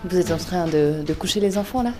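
Low-voiced woman interviewer. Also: a little fast, over music. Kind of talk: television interview.

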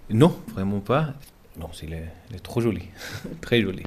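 Gibraltarian man, very low voice, careful halting French with a Spanish lilt, interviewed at home. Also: sing-song, darkish tone, a little hiss or hum. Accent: Gibraltarian, Spanish-tinged French. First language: English. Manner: halting, searching for words, many restarts. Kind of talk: interview answers in a second language.

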